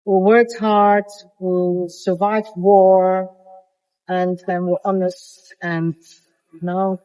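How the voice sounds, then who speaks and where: Blunt older man with a mellow voice. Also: high-pitched, level tone, slow, smooth, lo-fi sound. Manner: blunt, repeats words as he searches for them. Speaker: interviewee. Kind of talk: casual street interview.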